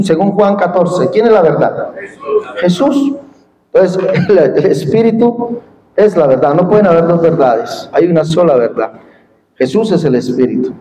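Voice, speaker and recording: A man preaching a fiery sermon, quizzing the congregation and rising to shouts. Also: high voice. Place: large church hall at a congress. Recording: echoey hall with long reverb.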